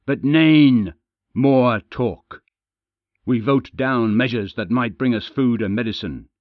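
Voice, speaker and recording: A man's voice: slow, no echo, phone-quality sound, close to an everyday voice. A man doing a snarling, furious warrior. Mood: defiant. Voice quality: deep, snarling. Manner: loud, impassioned, rising to shouts.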